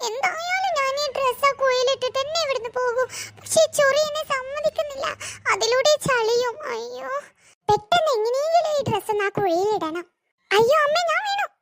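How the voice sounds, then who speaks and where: A woman voicing a scheming, mischievous young girl in a cartoon, who plots out loud and wails and whines. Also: extremely high pitch, lively intonation, brisk, noisy background. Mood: whiny.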